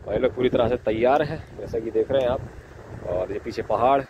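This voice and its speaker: An Indian man in his thirties cooks outdoors by a river, chatting with viewers like friends while holding his phone at arm's length. His mid-range voice is fairly quick, and the noisy outdoor phone recording sounds lo-fi.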